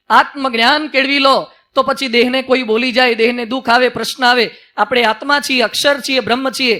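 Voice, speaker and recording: A man giving a sermon, telling a parable with playful asides and lively storytelling. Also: very high-pitched. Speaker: preacher.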